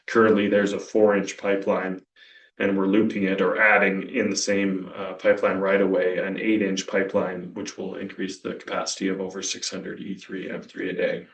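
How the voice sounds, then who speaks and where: A man presenting operations plans on a company earnings conference call, in a measured, technical way, walking through slides. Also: sits low, monotone. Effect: conference call audio. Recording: roomy, distant conference call audio.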